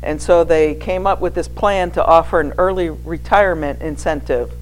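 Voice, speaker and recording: An American woman in her sixties from New England, a former missionary and guest speaker, gives an informal testimony live to a church gathering. Her hesitant, conversational delivery is anecdotal, low-pitched and moderately paced. The rough recording carries clear background noise and a hum.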